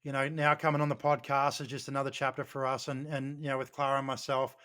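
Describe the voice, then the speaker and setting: A man's voice: mid-range voice, level tone, fast, fairly bright tone. A man hosting a podcast, effusive and matey, stumbling over his words. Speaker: podcast host. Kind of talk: casual podcast chat.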